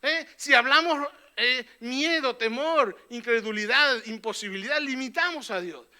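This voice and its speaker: Man, pastor, church sermon, very high voice, fervent, questioning tags to the congregation. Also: measured pace, bright, forceful tone, clear, resonant tone.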